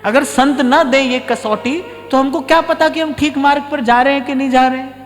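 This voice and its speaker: Male spiritual teacher, high voice, storytelling sermon in a reverberant hall with soft music. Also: moderate pace. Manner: storytelling, acts out short dialogues. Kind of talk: devotional discourse. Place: ashram hall.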